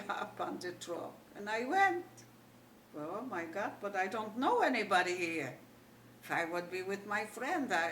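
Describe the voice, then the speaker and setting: An elderly woman from Poland with a Yiddish accent tells her life story in an animated way, retelling remembered dialogue. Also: fairly low pitch. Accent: Polish Yiddish. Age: older, 80s. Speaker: Holocaust survivor giving testimony. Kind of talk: oral history storytelling. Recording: echoey room, distant mic, faint noise.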